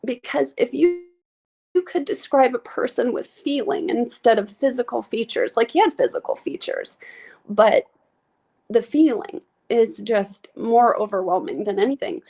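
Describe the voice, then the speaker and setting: A woman telling a deeply personal story as a podcast guest. She talks in a heartfelt, halting way with many fillers and is close to tears, her voice breaking. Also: expressive, creaky, a little mellow. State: tearful, voice breaking. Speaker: nurse practitioner guest.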